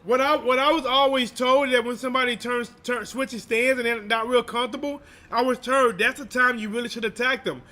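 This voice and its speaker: A man's voice: very high voice, fairly even intonation, a little fast, few pauses, pushed and bright. A man doing live boxing commentary as a streamer, in slangy, informal talk aimed at his viewers. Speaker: boxing livestream commentator and channel host.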